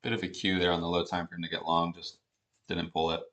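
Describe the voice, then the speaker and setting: A man hosting a live trading stream, giving quiet, casual running commentary on the charts. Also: low voice, monotone, a little fast. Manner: quiet, murmured remarks while watching charts. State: eating while talking. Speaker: trading livestream host.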